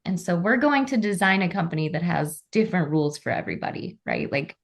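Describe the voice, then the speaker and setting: Gravelly low-voiced woman, wry. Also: sing-song, fast talker. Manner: wry, teasing, pushes for more detail. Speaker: podcast co-host. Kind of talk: casual conversation.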